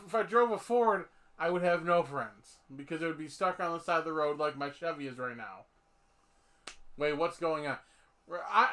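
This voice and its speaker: High, bright-voiced joking man. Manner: joking, rambling, laughs often. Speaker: podcast host. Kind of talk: casual comedic chat.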